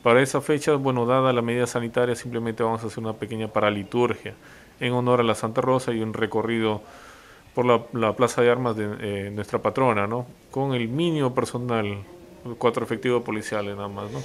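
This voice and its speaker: A man, a police officer answering questions in a local TV interview, halting and full of fillers and tag questions. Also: mid-range voice, fairly even intonation.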